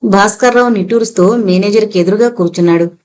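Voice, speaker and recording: A woman reads a novel aloud in a steady storytelling manner. Her voice sits at a middle pitch, and she narrates the scenes evenly. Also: quick pace. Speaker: audiobook narrator. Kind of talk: scripted narration.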